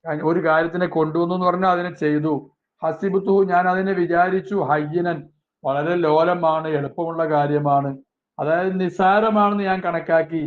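A man teaching a religious text class. He reads Arabic phrases slowly, then explains each one quickly. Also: a little high, steady tone. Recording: tinny phone-like lo-fi sound.

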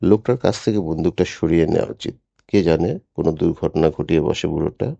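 A man's voice: a bass voice, fairly quick, gravelly, warm tone, husky, no echo, muffled recording, exaggerated voice. A man voicing suspicious villagers in an unvoiced whisper in an audiobook. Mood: wary.

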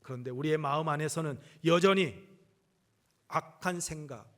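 A male pastor delivering a sermon to his congregation, swelling to emphatic peaks and dropping low at the ends of phrases, often turning to address the listeners directly. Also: normal speed, fairly bright tone. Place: church sanctuary.

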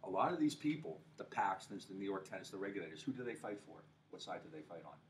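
A male history professor lectures a class, his voice low and deep. He talks loosely, with fillers, asides and rhetorical questions to the room. The mic sits well away from him and picks up a faint hiss. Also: animated, quick pace, distant mic. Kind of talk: university lecture. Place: lecture hall.

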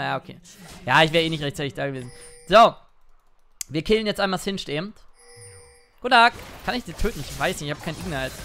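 A man commentating his own gameplay in a playful, excitable way, now and then jumping into shouts. He talks into a headset or desk mic at a home gaming setup. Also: on the high side, vocal fry. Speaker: gaming streamer. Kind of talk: let's play commentary.

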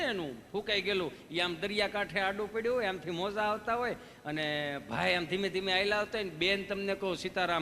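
Bright, high-voiced folksy stage comedian. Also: male voice, slight background noise. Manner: folksy storytelling, asks the audience questions, acts out dialogues. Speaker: stand-up comedian. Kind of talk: live Gujarati folk comedy (dayro). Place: live stage show before an audience. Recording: stage hall reverb with faint music.

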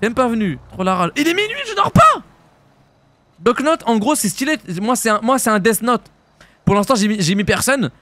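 A young French man streaming a roleplay game, chatting casually in slang and jumping into high shouts. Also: expressive, dry recording. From France. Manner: casual slangy banter, quick jumps to high-pitched shouts. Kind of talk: live-stream roleplay chat.

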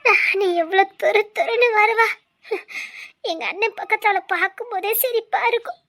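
Woman as young grieving sister, very high shrill voice, tearful. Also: normal speed, fairly bright tone. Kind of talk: web series acting.

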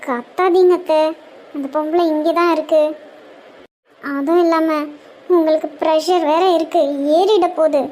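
An anxious cartoon woman, voiced by a woman, urgently hushing and reporting trouble. She speaks in a high, worried voice. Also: fairly even intonation, moderate pace, pauses often, slight background noise.

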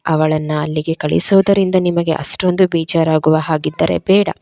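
A woman voicing a patient, soft-spoken aging mother in a storybook reading, with a low, mellow voice. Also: fairly even intonation, moderate pace, vocal fry, no echo. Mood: hurt.

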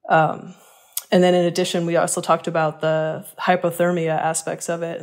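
A woman's voice: on the low side, a little mellow. A woman cave rescuer explaining procedures in a roundtable, with frequent ums. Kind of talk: roundtable discussion.

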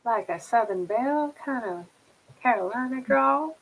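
A woman's voice: on the high side, animated, unhurried, poor audio. A woman playing a tabletop game, talking in an emotional, gushing way. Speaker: player. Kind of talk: casual tabletop play. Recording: faint hiss.

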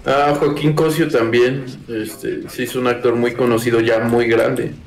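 A man dropping into a low, gravelly voice as a gruff older man. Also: flat delivery, unhurried, reverberant, low-quality recording.

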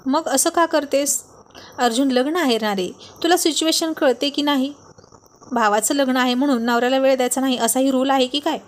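A woman voicing a romantic, teasing young husband who is quick to sulk, pleading and playful, dropping English phrases into his talk. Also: sits high, natural voice.

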